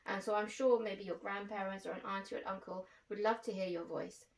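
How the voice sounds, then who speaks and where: Recorded with a distant microphone and roomy echo, a woman hosts and teaches a children's religious programme. Her gravelly, mid-range voice is steady and fairly quick as she explains things to the kids simply, step by step.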